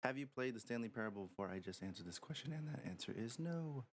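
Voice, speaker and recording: Gravelly-voiced man streaming a game. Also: medium pitch, expressive, quick pace, a little hiss or hum. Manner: rambling, chatty, thinks aloud with fillers. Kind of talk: casual live gameplay commentary.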